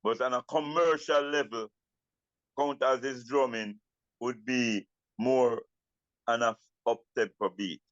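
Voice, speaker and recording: An older Jamaican man talks in Rastafari speech at a very slow, deliberate pace, repeating phrases as he reflects. The sound is roomy and a little muffled. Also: medium pitch, steady tone, fairly bright tone. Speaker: interviewee, Rastafari elder and drummer. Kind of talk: reflective interview talk.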